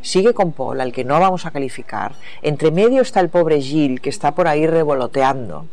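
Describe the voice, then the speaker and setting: Her voice is deep, darkish, animated and brisk. The American novelist thoughtfully discusses her reading and writing during the interview, with sentences that often drift off and begin anew.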